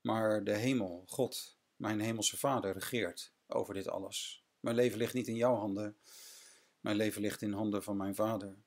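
Preacher doing a firm calm teacher on trial, solemn, bit gravelly. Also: male voice, fairly low pitch, moderate pace.

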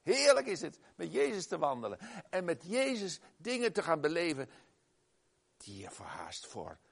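Gravelly, animated male preacher. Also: fairly high pitch, normal speed. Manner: emphatic, exclaiming, swings loud and soft. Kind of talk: sermon with personal story.

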